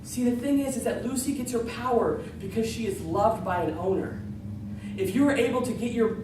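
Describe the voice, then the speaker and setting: Guy doing a folksy tall tale live, comic and dramatic, super echoey room, kinda far from the mic. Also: high voice. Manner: comic, dramatic storytelling with acted-out dialogue. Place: large echoey room, live before an audience. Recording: distant, very echoey live room, background noise.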